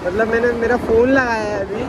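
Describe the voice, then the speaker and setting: A young adult man with a very high voice talks a little fast in a steady tone, vlogging casually while riding a motorbike and sprinkling in small fillers. His phone is stuck to his helmet, catching loud traffic and wind as he travels dusty roads and then reaches a seaside spot.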